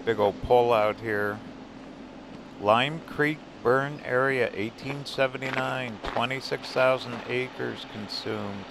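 A man chatting casually as he drives a mountain road and stops at pull-offs, relaxed and easily delighted by the views. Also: mid-range voice, slow pace, gravelly. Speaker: RV travel vlogger. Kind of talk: casual road trip narration. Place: outdoors, driving and at roadside pull-offs in the mountains. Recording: outdoor vehicle and road noise.

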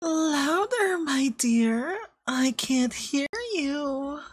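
The recording is dry as a woman, her voice sitting high, delivers an extremely slow ASMR roleplay of a young, controlling femboy yandere boyfriend. Soft, breathy coaxing hides a threat, and the tone is menacing and demanding.

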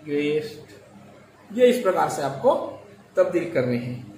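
A male teacher explaining English grammar slowly, repeating key words and drawing out his examples. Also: on the high side, big pitch swings, darkish tone. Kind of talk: grammar lesson. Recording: echoey room with faint ambient noise.

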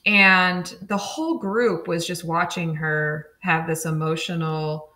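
A woman's voice: lowish voice, steady tone, takes it slowly, pushed and bright, roomy sound, a little hiss or hum. Chatty woman laughing between fillers. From Oregon, USA. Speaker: podcast guest, street-safety advocate. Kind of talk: casual interview chat.

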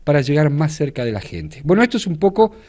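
Older church leader, fairly high voice. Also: male voice, very animated, fast talker, darkish tone. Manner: explanatory, with many fillers and restarts. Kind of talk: TV news interview. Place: indoors in front of a studio backdrop.

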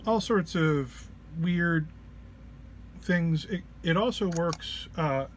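A musician demonstrates an effects pedal patch in an informal gear walk-through, talking in a fairly high voice at an extremely slow pace. He sounds under the weather, hesitant, and searching for words. Background noise is clearly audible.

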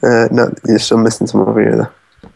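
A man's voice: fairly low pitch, monotone, fairly quick, vocal fry, a little mellow, breathy edge. A man co-hosting a casual game session, with dry, teasing banter. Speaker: let's play co-host. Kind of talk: casual gameplay chat.

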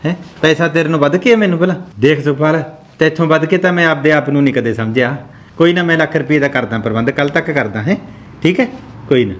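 A man playing a patient village husband with a Malwai Punjabi accent. He talks fast in a raised voice, pleading and placating. He keeps trying to calm both women. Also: on the high side, lightly acted. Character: soft-spoken, pleading village husband and landowner. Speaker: husband in a village family drama. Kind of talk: amateur village drama acting.

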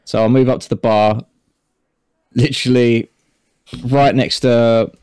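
A man's voice: mid-range voice, steady tone, measured pace, darkish tone, clear, resonant tone, no room sound. A man playing a tabletop game, rambling through his character's actions and laughing often. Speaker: player.

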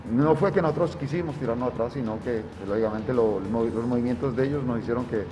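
Middle-aged male coach in reverberant room. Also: mid-range voice. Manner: halting, searching for words. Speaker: football coach. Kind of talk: press conference answer. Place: press conference room. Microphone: table mic, speaking through cloth mask. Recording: reverberant, dull sound with faint music.

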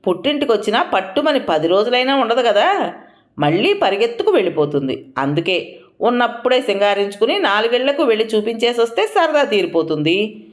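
A woman's voice: on the high side, fairly quick, pitched above the performer's own voice. A woman reading as a teasing young daughter. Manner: lively and teasing.

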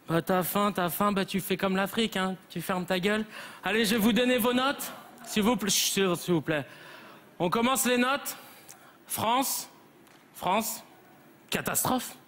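A man's voice: high-pitched, fairly bright tone. A young male comedian playing an exasperated schoolteacher who scolds his class in a stage sketch. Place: theater stage before an audience.

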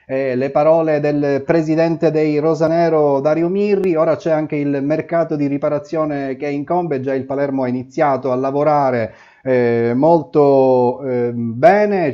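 A man's voice: fairly high pitch, warm tone, muffled recording. A man in his thirties hosting a live pre-match football show from a studio, chatty and hesitant with many fillers. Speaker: studio host. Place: TV studio set.

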